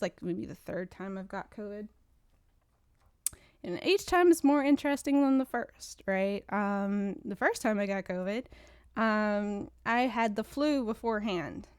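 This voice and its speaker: Congested and stuffy-sounding, a woman rambles chattily on her own podcast, restarting often. Her mid-range voice is smooth and unhurried with lively intonation, recorded at studio quality with no room sound.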